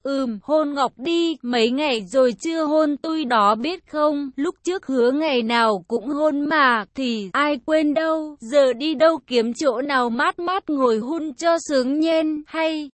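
Clingy, emotional young woman in a storybook reading, voiced by a woman narrator; high, unhurried delivery. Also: no echo. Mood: teasing.

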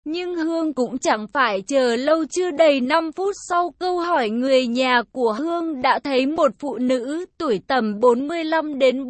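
A woman narrates an audio story in a steady, even manner. Her voice is high, and the recording is close and completely dry with no room sound. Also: no echo.

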